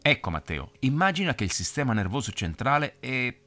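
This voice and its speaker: A man reading a children's story aloud, explaining things gently as if talking to a child. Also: medium pitch, sing-song, fairly quick, soft background music.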